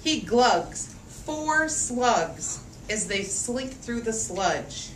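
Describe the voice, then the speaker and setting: A woman teacher reads a picture book aloud to a group of young children in an echoey room, her voice a little high and her delivery expressive and rhythmic at an unhurried pace. She stretches out phrases and speaks to the children directly. The mic sits at a distance, so the sound is echoey with faint noise.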